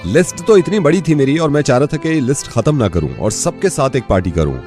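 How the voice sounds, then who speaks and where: A man's voice: mid-range voice, big pitch swings, fairly quick, a little mellow, faint music behind. A man hosting a radio prank call, scolding the caught caller and then talking in a somber, lecturing way.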